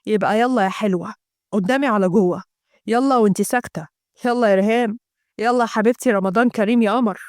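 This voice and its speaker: A woman's voice: medium pitch, fast, a little mellow, no echo, studio quality, pitched below the performer's own voice, natural voice. A woman voicing a scheming young businessman with an Egyptian accent, talking in pushy, condescending sweet talk. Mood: smug. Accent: Egyptian Arabic.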